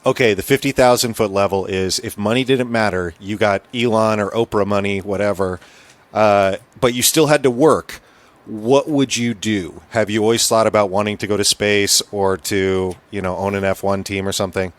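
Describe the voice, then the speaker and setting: A man's voice: fairly low pitch, fairly even intonation, moderate pace. A man hosting a podcast, asking questions in a friendly, easygoing way. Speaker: podcast host. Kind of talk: casual interview chat.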